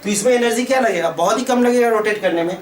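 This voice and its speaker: This is a fast-talking man with a high-sitting voice and an Indian accent. He delivers a chemistry lesson at the whiteboard, quizzing himself aloud and repeating important terms. The mic is set far off in a room full of echo.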